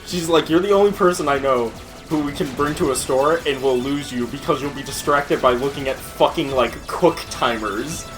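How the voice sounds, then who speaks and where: A man's voice: mid-range voice, normal speed. A man doing casual let's play commentary, a chatty, sweary storyteller telling anecdotes. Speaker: gaming commentator. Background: game music.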